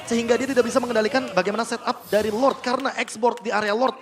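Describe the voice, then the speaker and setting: Fast, high-voiced Indonesian male esports analyst. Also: steady tone, a crowd in the background.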